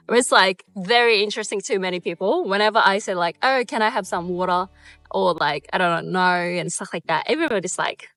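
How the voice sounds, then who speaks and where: In a casual Q&A vlog, a twenty-something Japanese woman speaks with a Japanese accent touched by Australian and British sounds, bubbly, laughing often and dropping plenty of "like"s. Her medium-pitched voice is pushed and bright, with no room sound.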